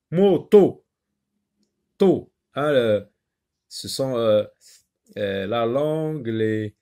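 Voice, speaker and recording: A man teaching a phonics lesson to young children, slowly sounding out and repeating syllables, with frequent hesitations and short asides in another language. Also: mid-range voice. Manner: slow, repeats words and syllables, explains in French with short Arabic asides; hesitant, many pauses and fillers.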